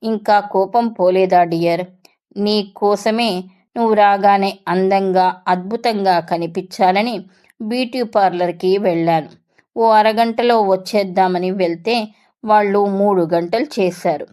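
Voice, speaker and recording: A woman's voice: medium pitch, fairly even intonation, measured pace, darkish tone, close to an everyday voice. A woman voicing an affectionate young wife in a story reading, sweet-talking and pleading. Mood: coaxing.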